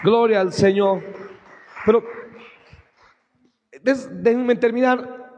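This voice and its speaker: A man with a Colombian accent preaching a lively, humorous sermon that rises to shouts. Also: very high-pitched, slow, big-room sound, dull audio, slight background noise. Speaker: pastor.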